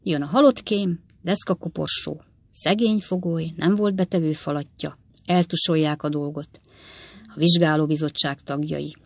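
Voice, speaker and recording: A woman's voice: low-pitched, fairly even intonation, creaky, a little mellow, no room sound. A woman voicing a down-and-out male swindler who talks in short, clipped, jerky phrases. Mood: grim.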